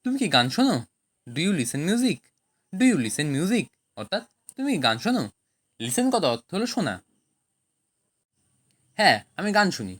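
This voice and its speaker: A woman with a Bengali accent teaching spoken English, saying each phrase slowly and then giving its meaning in Bengali. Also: medium pitch, big pitch swings. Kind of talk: language lesson, phrase then translation.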